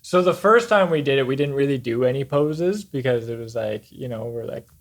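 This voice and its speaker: A man at an ordinary middle pitch chats loosely as a podcast guest. He rambles, stringing thoughts together with plenty of "like" and "you know". His delivery is relaxed and unhurried. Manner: relaxed, rambling, many "like" fillers. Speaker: band member guest. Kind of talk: casual podcast chat.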